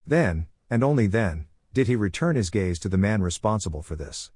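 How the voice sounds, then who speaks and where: A man reads a fan-fiction story in a steady, measured narration. His voice sits fairly low, and the recording is close and dry, with no room echo. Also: slightly rough.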